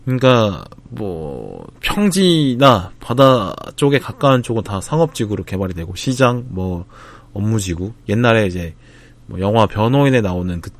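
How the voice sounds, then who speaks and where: A man, talking to camera about a film festival trip in a reflective, casual way, with frequent pauses, fillers and restarts. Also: fairly low pitch, very animated. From Busan, South Korea. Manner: thoughtful, hesitant, many fillers and restarts.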